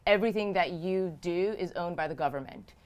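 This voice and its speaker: A Romanian woman in her thirties, running for the House, answers interview questions in a lowish, fairly quick voice. She sounds earnest and emphatic, repeating phrases to drive her points home.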